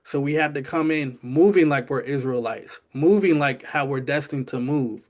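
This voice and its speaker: A man of medium pitch speaks up from the audience at an assembly. His delivery is earnest but hesitant, full of ums and small restarts as he works through his ideas. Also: moderate pace, darkish tone. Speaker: audience member asking a question. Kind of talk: earnest spoken comment.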